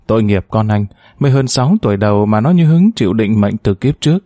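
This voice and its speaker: A man narrating a story aloud in a measured, expressive audiobook style. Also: fairly low pitch, no echo, studio quality.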